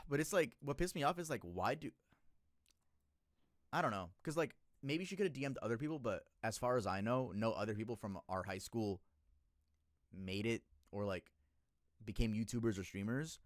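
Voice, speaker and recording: A man in his twenties, a streamer casually telling a story to his chat, emotional and profane, jumping between loud outbursts and low muttering. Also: normal speed, long pauses, no room sound, clean studio sound. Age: 20s.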